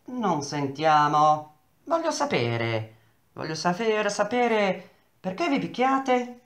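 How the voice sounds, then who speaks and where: A man's voice: high voice, wildly swooping pitch, slow pace, echoey room, pitched above the performer's own voice, exaggerated voice. A man reading aloud and voicing a furious, brusque engineer boss who threatens his workers in a peremptory tone. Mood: angry.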